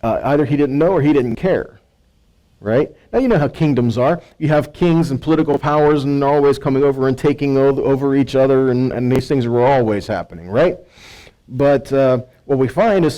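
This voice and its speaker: An American man with a medium-pitched, dark-toned voice preaches in a conversational teaching style, captured on a rough recording. He reads Bible verses and explains them sermon-style, posing rhetorical questions and checking in with listeners through tags like "right" and "okay."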